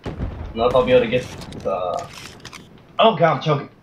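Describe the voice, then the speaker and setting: A man's voice: sing-song, fast. Young male gamer host, casual running commentary, distant roomy mic. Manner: chatty, restless, erupts into high shouts of frustration. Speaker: gaming channel host. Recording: distant, roomy, slightly dull mic with faint hiss.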